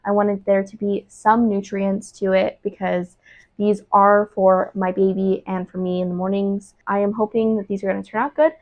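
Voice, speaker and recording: A woman's voice: medium pitch, level tone, moderate pace, dry recording, phone-quality sound. A young woman chatting casually while baking in her home kitchen, talking loosely with lots of fillers and restarts. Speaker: vlogger. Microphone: small clip-on mic.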